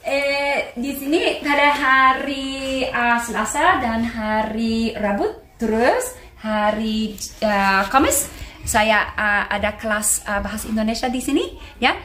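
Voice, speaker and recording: A woman's voice: a little high, takes it slowly, pushed and bright, a little hiss or hum. A woman, an English speaker, speaks Indonesian as a foreigner and mixes in English while giving casual answers as a language teacher.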